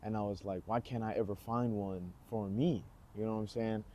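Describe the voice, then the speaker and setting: A man's voice: on the low side, moderate pace. A man, rambling casually outdoors as he introduces himself in a vlog. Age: 20s. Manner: relaxed, rambling, lots of fillers. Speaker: vlogger. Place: outdoors, rain nearby.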